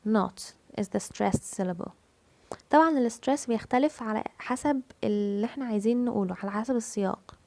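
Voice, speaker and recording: A woman teacher with an Egyptian accent and a raised, gravelly voice, moving between slow, careful English and rapid Arabic explanations. Her tone is dark and mellow, recorded close in a dry room. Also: a little high, no echo. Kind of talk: bilingual lecture, explaining and repeating phrases.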